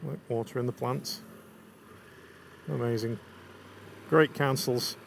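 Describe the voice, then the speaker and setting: A motorcycle vlogger from England with a Lancashire accent rides outdoors while chatting casually to viewers, enthusiastic about the scenery and his bike. His mid-range voice is steady, slow and creaky. Road, wind and traffic noise run constantly throughout.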